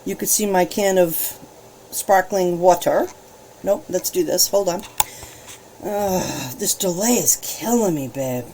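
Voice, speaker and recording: A woman hosting a live painting demonstration, chatting in a bubbly way, laughing often and greeting viewers warmly. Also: on the low side, slow, a little hiss or hum. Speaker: alcohol ink painting host. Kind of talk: casual live-stream painting demo.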